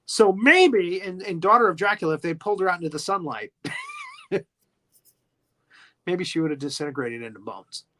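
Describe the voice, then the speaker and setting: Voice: medium pitch, animated, normal speed, pauses often, fairly bright tone. A podcast host giving a casual movie recap, chatty and giggly, full of asides.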